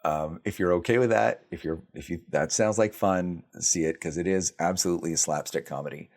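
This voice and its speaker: A man's voice: deep voice, brisk, darkish tone. A man reviewing horror films in casual speech, blunt and sarcastic, with frequent ums and restarts. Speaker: film reviewer. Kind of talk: casual spoken movie reviews.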